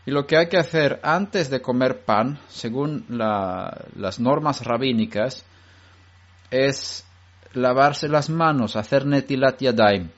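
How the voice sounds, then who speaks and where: A man giving an unscripted religious lesson to a study group, explaining step by step in a measured way and often restarting his sentences. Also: medium pitch. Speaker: Bible study teacher. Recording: dull lo-fi recording.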